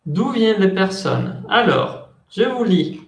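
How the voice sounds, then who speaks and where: Slow, high-voiced male French teacher. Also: expressive, echoey room. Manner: slow, deliberate, switches between French and Spanish explanations. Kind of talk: online language lesson. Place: office with window blinds. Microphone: earphone headset mic on video call.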